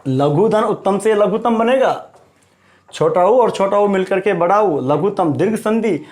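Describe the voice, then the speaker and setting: A man's voice: high-pitched, lively intonation, measured pace, darkish tone. Emphatic grammar teacher, man. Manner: emphatic, repeats terms and quizzes the viewer. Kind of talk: classroom grammar lesson.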